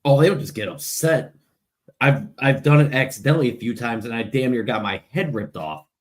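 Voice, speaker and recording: A man's voice: medium pitch, lively intonation, fairly quick. Rambling Illinois man on a podcast. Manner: rambling, repeats words when starting. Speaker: podcast co-host. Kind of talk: casual late-night chat.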